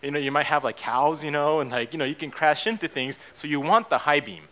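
A man's voice: fairly high pitch, a little fast, a bit bright. Casual man presenting on stage. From born in Japan, raised in the United States. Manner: casual, many fillers and tag questions like "okay" and "right". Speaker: keynote speaker, company CEO. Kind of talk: conference presentation. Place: conference stage in a hotel hall.

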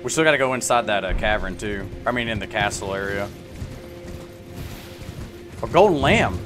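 A young man streaming a video game, hoarse from yelling all day, chatting to himself in slang and bursting into excited yells. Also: lowish voice, normal speed. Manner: slangy, says bro and dude. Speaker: gaming streamer. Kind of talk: casual live gameplay commentary. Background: game music.

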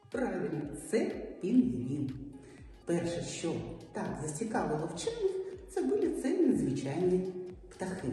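A woman teacher leads a lesson for small children, her slow, sing-song delivery rising and falling widely as she draws out each word. Her dark, mellow voice sounds from a distance in a reverberant hall. Faint music plays behind her. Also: fairly low pitch. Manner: slow, drawn-out speech, stretching words for children. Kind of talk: early-years classroom lesson.

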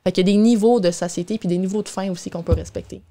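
A young woman with a Québécois French accent, a guest nutritionist, explains things in a casual, informal interview in a small indoor radio studio. She talks very fast in a mellow, medium-pitched voice with fairly even intonation, using a boom-arm studio mic and headphones.

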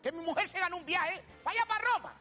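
A cheeky old Canarian countryman, yelling his punchlines in a piercing, very high voice. He swears freely and sounds bright and sharp, all Canarian accent and rustic swagger. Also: expressive, quick pace, faint music behind, heavily acted. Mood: storytelling. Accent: Canarian Spanish. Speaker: stand-up comedian. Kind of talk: character stand-up monologue. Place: TV studio stage before a live audience.

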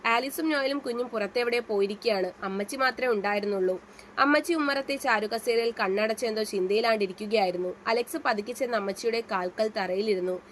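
A woman narrating a story in a calm, steady reading voice. Her pitch sits somewhat high, with a faint hiss of noise underneath.

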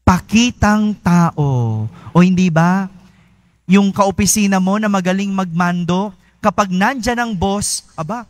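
A man's voice: high voice, a bit bright, dry recording. A priest giving a homily in a chatty way, often checking in with his listeners. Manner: conversational, asks listeners "no?" often.

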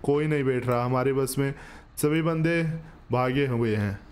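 A gaming video host gives chatty, joking gameplay commentary from a small indoor studio, calling his viewers "bro." He speaks at normal speed in a mid-range, slightly mellow voice, close on a desk microphone while wearing a headset.

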